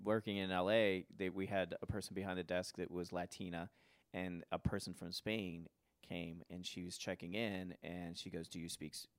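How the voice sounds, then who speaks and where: A low-pitched man hosts a relaxed conversation and tells stories at length. The recording is close and dry, with no room sound behind him. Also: moderate pace, dry recording. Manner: storytelling, talks in long runs. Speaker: podcast host. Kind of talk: casual chat.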